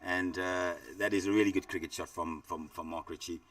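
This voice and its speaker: A man's voice: low voice, fairly even intonation, brisk, fairly bright tone, no room sound, distant mic. A middle-aged South African man giving live cricket commentary in a chatty, rambling way, with many fillers.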